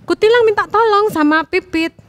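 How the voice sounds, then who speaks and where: A woman Sunday school teacher telling a story to children, expressive and asking the kids questions along the way. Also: very high-pitched, normal speed, no echo.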